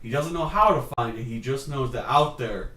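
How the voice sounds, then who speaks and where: A man's voice: medium pitch, normal speed, bright, forceful tone. A man co-hosting a casual chat podcast, opinionated and joking. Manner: opinionated, joking, slips into silly put-on voices. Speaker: podcast co-host. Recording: echoey room, mic far off, faint hiss.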